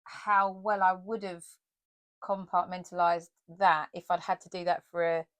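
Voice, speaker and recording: A woman who acts and works as a counsellor, co-hosting a casual chat in a thoughtful, measured way. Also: fairly low pitch, level tone, no room sound. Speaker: podcast co-host, actor and counsellor.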